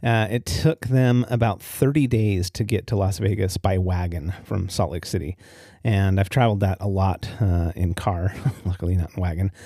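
With a low, warm voice, an American man tells stories on his solo podcast, keeping things casual and easygoing and chuckling at what he says. His intonation is fairly even and his pace moderate. The studio recording is clean and free of echo.

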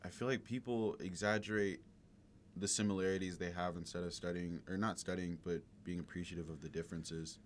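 Young man, American accent, deep register, casual slangy chat, slight noise behind. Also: steady tone, brisk. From southern United States. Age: young adult. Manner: slangy, anecdotal. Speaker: podcast co-host.

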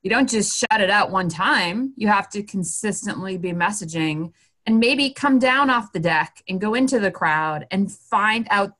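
A woman hosting an interview, upbeat and asking quick, direct questions. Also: mid-range voice, a bit bright. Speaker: interview host, marketer. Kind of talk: casual interview talk.

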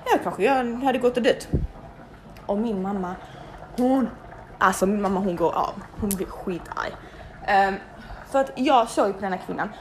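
A young woman telling a story in casual, animated speech, swearing freely and acting out the people she quotes. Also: medium pitch, pauses often, slight background noise.

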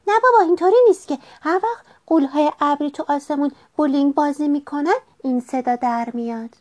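A woman voicing a teasing snail who talks quickly and mockingly. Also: high-pitched, darkish tone, voice pushed up, lightly acted. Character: teasing, fast-talking snail.

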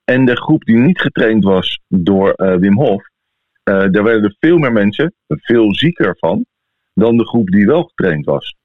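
A Dutch man with a fairly low voice hosts a casual podcast in an informal, personal way. His accent is from the Netherlands. The sound is narrow, like a phone line. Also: animated, measured pace. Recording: thin phone-like sound, echoey room.

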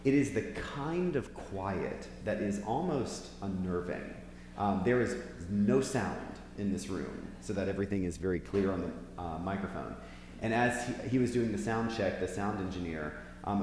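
A man's voice: sits low, normal speed, darkish tone. A man preaching informally to a church group, conversational and putting questions to his listeners, in a big echoey hall. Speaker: preacher leading a church Bible class. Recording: big hall echo, long reverb, faint hum.

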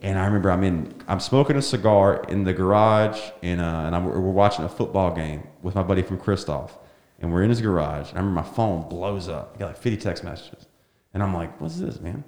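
Animated low-voiced man in a roomy space. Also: a little fast. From Alabama. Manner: animated storyteller, acts out quotes. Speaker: comedian guest. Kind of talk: storytelling interview chat. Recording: roomy echo.

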